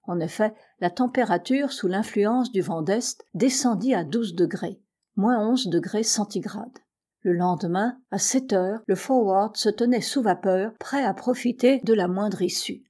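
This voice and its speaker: A woman narrating a classic adventure novel as an audiobook, in a measured, even storytelling manner. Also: mid-range voice. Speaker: audiobook reader.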